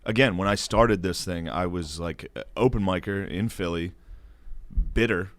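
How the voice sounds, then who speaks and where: A man's voice: sits low, normal speed, fairly bright tone, no room sound. A man who is a comedian guest, talking casually on a podcast in a loose, profane way, often laughing and trailing off.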